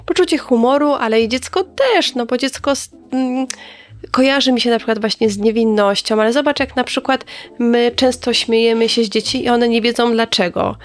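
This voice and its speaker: Reflective woman chatting at ease. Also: fairly high pitch. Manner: reflective, thinks aloud with pauses and fillers. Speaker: podcast co-host. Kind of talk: casual chat.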